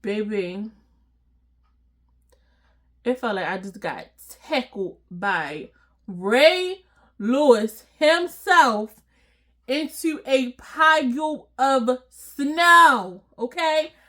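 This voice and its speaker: A young woman telling a storytime vlog in a casual, slangy way, animated and laughing often as she talks. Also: a little high, extremely slow, pauses often. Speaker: vlogger.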